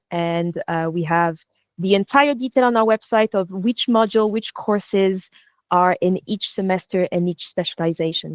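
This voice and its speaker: A program coordinator with an Irish accent gives a friendly online presentation, walking through things step by step with filler sounds. Her medium-pitched, slightly mellow voice comes through dull, lo-fi video call audio with no echo.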